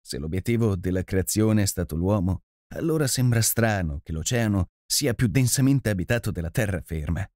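A man narrating a literary adventure audiobook in a measured, steady storytelling manner. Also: on the low side, no room sound, clean studio sound.

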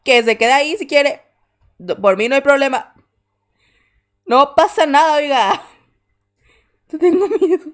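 Young woman streamer, very high voice, scared and chatty horror gameplay commentary. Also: expressive, measured pace, long pauses. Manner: jittery, scared exclamations and chatty asides. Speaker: gaming streamer.

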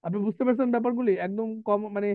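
A man's voice: high-pitched, steady tone, dry recording. A man teaching an English vocabulary class, explaining words and quizzing his students. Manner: asks students questions, reads definitions slowly. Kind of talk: live class lecture mixing Bengali and English. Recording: tinny phone-like line.

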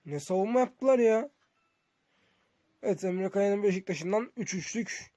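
A man's voice: sits high, animated, unhurried, mellow, no room sound, studio quality. A man giving casual, conversational game commentary to his viewers as a streamer. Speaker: gaming streamer.

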